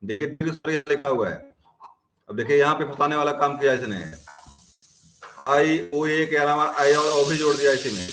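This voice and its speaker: A man's voice: a little high, moderate pace, fairly bright tone, soft background music, poor audio. A man teaching grammar in an online class, explaining step by step and often checking whether students have understood.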